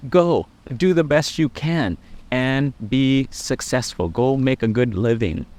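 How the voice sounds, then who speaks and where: A middle-aged man who is a Buddhist monk, talking gently and earnestly to camera about life lessons, with frequent pauses. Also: medium pitch, expressive. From Laos. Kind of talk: personal reflective talk to camera.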